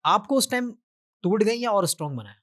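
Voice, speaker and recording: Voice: medium pitch, sing-song, a little fast, fairly bright tone, dry recording, clean studio sound. A podcast host asking polite, meandering questions and murmuring agreement often. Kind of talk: podcast interview.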